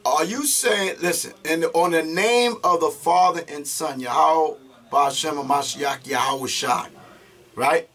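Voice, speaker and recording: A man's voice: fairly high pitch, unhurried, fairly bright tone. A man hosting an interview, interjecting and probing with religious terms. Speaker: host.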